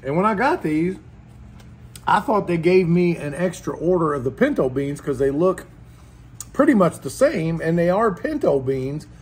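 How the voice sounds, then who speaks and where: Seated in a restaurant dining room, this food vlogger reviews his meal in a folksy, chatty way, laughing between bites. His slightly high, darkish voice swings widely in pitch at a moderate pace. Faint restaurant noise sits in the background.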